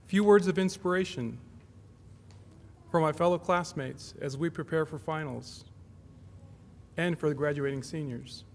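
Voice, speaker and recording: A man's voice: a little high, a little slow, creaky, pauses often, darkish tone, a little hiss or hum. A young man, a student, giving a formal poetry recital. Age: young adult. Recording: live in a reverberant hall.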